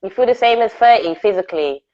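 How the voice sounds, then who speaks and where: Lively woman on a lo-fi video call. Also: medium pitch, fast talker. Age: 30s. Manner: chatty, laughs often, complimentary. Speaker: interview host. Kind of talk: casual video-call interview.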